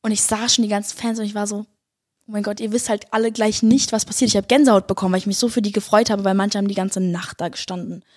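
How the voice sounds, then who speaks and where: A young woman, a singer and vlogger, excitedly telling her viewers a story, gushing and breathless, mixing English slang into her German. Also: medium pitch, quick pace, no room sound, studio quality.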